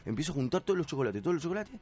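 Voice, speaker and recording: A man's voice: a little high, very fast, breathy edge. A young man with an Argentine Rioplatense accent, a podcast host animatedly telling a funny story in casual chat, acting out what people said. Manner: animated storyteller, acts out quotes, laughs often.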